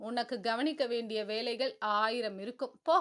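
A woman's voice: on the high side, moderate pace, a bit bright, natural voice. A woman voicing a proud young woman who talks in a sulky, dismissive way in a storybook reading. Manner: dismissive, sulking.

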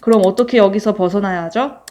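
A woman voicing a wary, sardonic male high school student who grumbles, while reading a story game aloud. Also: fast, warm tone, a little hiss or hum, close to an everyday voice.

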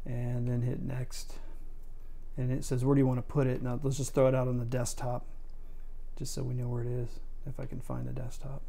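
A man explaining video editing step by step in a relaxed, conversational way. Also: medium pitch, brisk, creaky. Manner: relaxed, conversational, talks through each step. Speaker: video tutorial maker. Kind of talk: casual screen-recorded tutorial.

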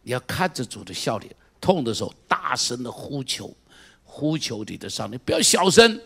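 A middle-aged man preaching a sermon as pastor, moving from quiet storytelling to shouted exhortation and firing questions at the congregation. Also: medium pitch, sing-song, normal speed, creaky, husky. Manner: asks the congregation repeated direct questions.

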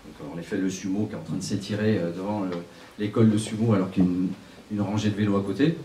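A middle-aged man chatting casually to a gallery crowd, his low voice picked up from a distance. It echoes around the room with a faint background murmur, and he often repeats words as he goes. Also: steady tone, quick pace, warm tone, slight background noise. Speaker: photographer presenting his exhibition. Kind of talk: casual speech to an audience. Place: small gallery, indoors. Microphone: handheld mic.

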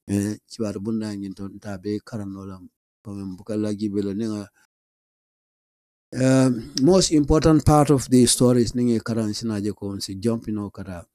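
Seated at a small studio desk indoors, an older man from The Gambia reads the day's newspaper stories aloud as a news presenter, mixing in English phrases. His voice is warm and medium-pitched, captured close on a boom-arm studio mic without echo.

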